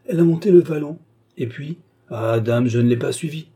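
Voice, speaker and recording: A man's voice: fairly high pitch, brisk, mellow, breathy edge, voice pushed up. A man voicing a scheming working-class man in an audiobook, speaking in a guarded, mysterious way. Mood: sly guarded. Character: scheming sly male fellow worker.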